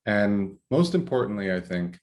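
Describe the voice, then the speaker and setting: Deep-voiced Italian-accented man, halting. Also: big pitch swings, a little mellow. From Italy. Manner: halting, many fillers and restarts. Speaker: guest, climate researcher. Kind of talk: podcast interview.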